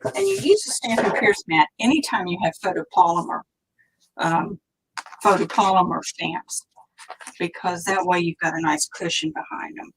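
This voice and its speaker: Hosting a live craft tutorial, a woman stamps while chatting and thinking aloud, now and then dropping to a near whisper with her hands occupied. Her voice is fairly low and expressive at a moderate pace, and the rough recording has a little hiss or hum.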